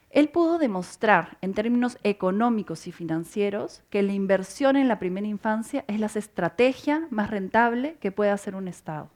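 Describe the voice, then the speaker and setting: Woman presenting slides at a conference. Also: mid-range voice. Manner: explanatory, rhetorical questions, some restarts. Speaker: conference speaker. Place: conference hall.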